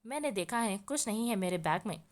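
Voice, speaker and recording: A woman's voice: mid-range voice, lively intonation, brisk, natural voice. A woman voicing a pouting schoolgirl who pleads defensively. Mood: pleading.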